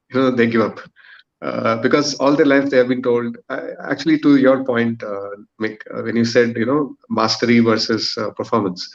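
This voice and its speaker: This thirties-aged man sounds gravelly in a mid-range voice as he answers on a podcast panel. His explanation is considered and orderly, though he hesitates a lot while assembling it. The recording quality is lo-fi and muffled.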